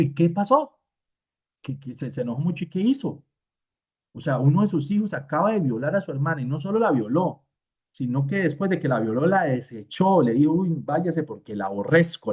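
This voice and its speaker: A man giving a conversational Bible lesson in an informal manner. He fills pauses with "este" and briefly acts out the lines he quotes. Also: fairly high pitch, darkish tone, breathy edge. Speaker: Bible teacher. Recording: tinny phone-like sound.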